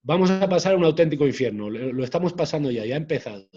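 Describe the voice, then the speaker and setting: Measured man, slightly muffled audio. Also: a little high, animated, mellow, husky. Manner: measured, hesitant with frequent restarts. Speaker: author and guest. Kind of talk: conversational interview.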